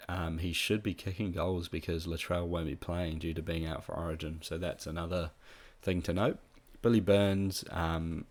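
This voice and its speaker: A man with a nasal voice from being a bit sick, talking through fantasy tips in a relaxed, casual way with plenty of ums. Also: low voice. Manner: relaxed, with frequent ums and restarts. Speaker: fantasy football tipster. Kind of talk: casual solo analysis.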